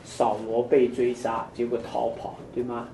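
A man's voice: medium pitch, completely flat delivery, measured pace, gravelly, mellow, a little hiss or hum. Older man teaching Bible study, echoey room. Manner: asks the listeners many questions. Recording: echoey room, mic at a distance.

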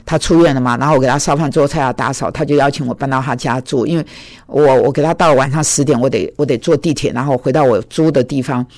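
A man's voice: mid-range voice, fast talker, darkish tone, dry recording. A middle-aged man preaching a sermon in a reflective, hesitant way, with many filler sounds.

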